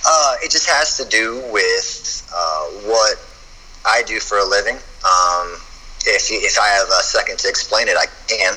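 Male chiropractor guest, low and very bright voice, casual and halting. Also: poor audio. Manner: halting, repeats words when starting a thought. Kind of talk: casual podcast chat.

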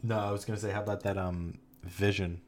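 A man co-hosting a podcast in casual chat, telling excited fan memories and swearing now and then. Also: low-pitched, a little fast, a crowd in the background. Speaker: podcast co-host.

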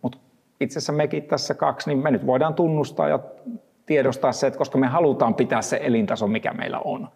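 A man giving a thoughtful Bible reflection, pausing often and restarting his words. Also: medium pitch, fairly even intonation, gravelly, a little mellow, slightly rough, in a large hall. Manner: thoughtful, halting, frequent restarts. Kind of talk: reflective Bible devotional talk.

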